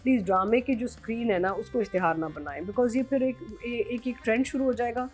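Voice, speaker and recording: A woman speaks earnestly in a casual panel chat, slipping into English as she makes her point. Her voice sits a little high. Soft music plays under it. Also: a little fast. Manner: mixes English into her talk, earnest and emphatic. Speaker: drama review panelist.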